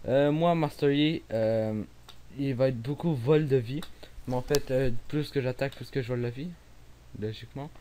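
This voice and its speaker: A young man from Quebec, speaking with a Québécois French accent, narrates his own gameplay casually in a mellow, mid-range voice at a moderate pace. The talk rambles with many fillers and restarts, at times falling to a near mumble, and a faint hiss is audible.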